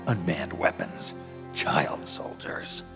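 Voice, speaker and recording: Extremely deep, growling, world-weary soldier. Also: male voice, wildly swooping pitch, over music, full character voice. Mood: bitter, brooding. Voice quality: very deep gravelly rasp, breathy growl. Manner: terse, slow, brooding, skeptical. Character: grim, world-weary veteran male mercenary soldier. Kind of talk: scripted video game dialogue.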